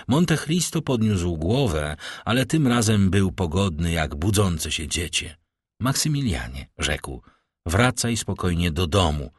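A man reading an audiobook aloud in a measured, dramatic way. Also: on the low side, slightly rough, no room sound, studio quality. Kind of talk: audiobook narration.

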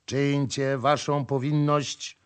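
A man's voice: mid-range voice, flat delivery, slow pace, clear, resonant tone, close to an everyday voice. A man voicing a pompous tax collector who speaks through his nose in an audiobook. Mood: haughty. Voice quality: nasal. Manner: pompous, threatening.

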